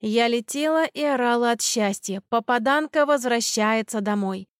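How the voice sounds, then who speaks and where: A woman narrating an audiobook in an expressive first-person storytelling manner. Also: fairly high pitch, normal speed, clear, resonant tone, dry recording, clean studio sound. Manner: lively first-person storytelling, voicing characters' shouts.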